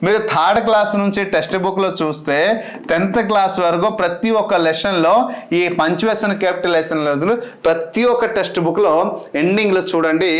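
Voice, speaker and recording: A man who coaches for exams, giving a rousing talk and then listing English grammar topics. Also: high-pitched. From Andhra Pradesh, India. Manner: rousing, mixes English terms into lists. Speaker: exam coach, English teacher. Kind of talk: motivational lecture and exam lesson. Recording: echoey room.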